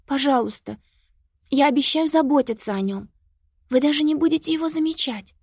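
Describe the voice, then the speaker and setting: A woman reading an audiobook, voicing a young girl who begs and pleads in a high, insistent voice. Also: fairly quick, darkish tone, no echo, clean studio sound. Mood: pleading.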